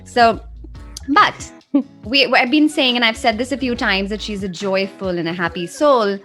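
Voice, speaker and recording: A woman's voice: fairly high pitch, normal speed, sharp tone, faint music behind. A woman hosting a podcast, introducing her guest and chatting in a playful, teasing way. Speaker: podcast host. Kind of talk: casual podcast conversation.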